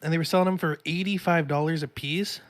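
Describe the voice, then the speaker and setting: A woman's voice: sits low, fairly even intonation, fast talker. A woman telling a story in an easygoing, casual way while chatting with friends. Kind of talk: casual chat among friends.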